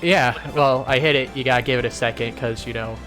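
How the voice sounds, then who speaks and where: A man's voice: medium pitch, steady tone, a little fast, a bit bright. Male game streamer hosting over faint music. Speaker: streamer, host. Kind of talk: casual game livestream commentary and read-alouds.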